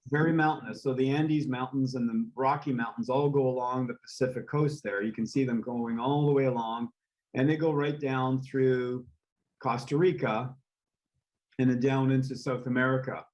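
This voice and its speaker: Speaking as a guest in a laid-back interview, a man who works as a real estate developer rambles easily, dropping plenty of ums and uhs. He's a native English speaker with a mid-range voice at normal speed, and the audio's highs are cut off.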